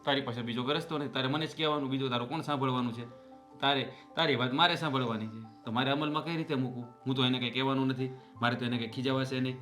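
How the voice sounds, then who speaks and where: A man's voice: medium pitch, fairly even intonation, racing, pushed and bright, faint music behind, close to an everyday voice. An actor playing a frustrated elder brother and husband who complains about his family and bickers with his wife. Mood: grumbling. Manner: complaining, teasing banter. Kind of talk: family drama acting.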